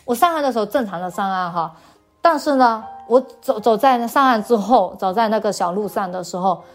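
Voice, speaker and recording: A woman's voice: medium pitch, expressive, brisk, soft background music. A woman from China telling a personal faith story in an interview, hesitant and often repeating her words. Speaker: interview guest.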